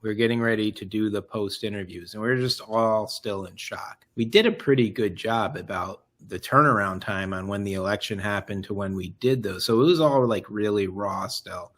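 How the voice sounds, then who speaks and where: A man's voice: lowish voice, moderate pace, hardly any pauses, fairly bright tone. A man, a videographer, answering on a festival Q&A panel in a thoughtful, rambling way. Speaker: videographer and editor.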